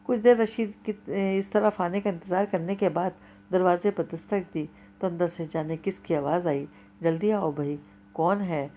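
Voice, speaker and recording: A woman narrating a novel in a steady, even storytelling manner. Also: on the low side.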